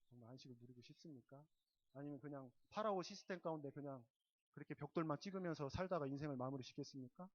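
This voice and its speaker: A man preaching a sermon as pastor. He swings from loud, emphatic stresses to soft, low asides and keeps asking the congregation questions. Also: highs cut off. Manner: asks the congregation repeated questions. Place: church service.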